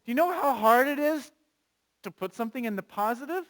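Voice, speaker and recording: A pastor preaching a sermon, conversational and animated, asking the congregation questions and reading scripture aloud. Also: male voice, very high voice, a little fast.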